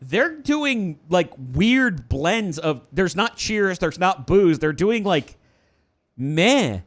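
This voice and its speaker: A man's voice: high-pitched, sing-song, slow. A man co-hosting a casual live-stream podcast, joking and laughing easily while watching wrestling. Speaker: podcast co-host.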